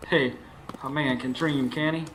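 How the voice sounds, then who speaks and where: A man performs a radio drama live on stage, narrating in the first person as a weary, anxious working husband with a weary, musing mood. He speaks in a natural, mid-range voice, steady in tone and unhurried, over faint background noise.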